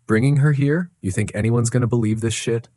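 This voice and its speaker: A man voicing a hostile, drunk grown man who is cornered, snapping with a raised, sharp voice. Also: on the low side, normal speed, breathy edge, dry recording. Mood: angry.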